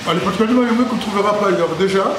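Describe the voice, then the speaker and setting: High-voiced jovial man in his sixties. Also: rapid-fire, over music. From Congo. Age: 60s. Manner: jovial, rambling, repeats himself. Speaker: restaurant owner. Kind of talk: casual interview. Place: his restaurant. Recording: echoey room with loud background noise.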